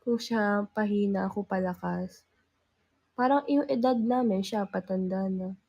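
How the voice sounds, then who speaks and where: A woman's voice: mid-range voice, a little slow, gravelly, muffled recording. Teen girl host, casual live chat, teasing and giggly, under the weather with a cough. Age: teens. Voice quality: loudness rises and falls. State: sick with a cough. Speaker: livestream host.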